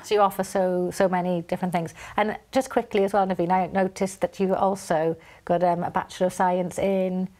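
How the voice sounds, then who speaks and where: Low-voiced woman hosting a studio interview. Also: little pitch movement, a little fast, hardly any pauses, a little mellow. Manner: friendly, with many murmured agreements. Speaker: TV presenter. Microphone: lapel.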